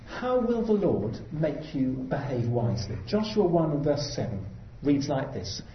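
Earnest preacher in a roomy hall. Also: male voice, mid-range voice, big pitch swings, unhurried. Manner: earnest, exhorting, rising to emphatic peaks. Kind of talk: sermon. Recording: dull roomy hall recording.

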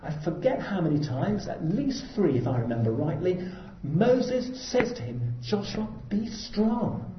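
A man's voice: sits high, big pitch swings, measured pace, hardly any pauses, slight background noise. A man preaching a sermon in an earnest, exhorting way, rising to emphatic peaks. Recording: dull roomy hall recording.

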